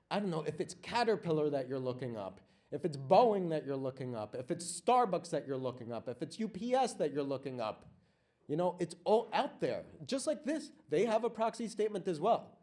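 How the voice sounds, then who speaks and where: A man's voice: on the high side, lively intonation, normal speed, darkish tone. Fiery, repetitive man presenting a workshop. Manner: fiery, rhetorical, repeats lines for emphasis. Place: meeting room with tables, before a live audience.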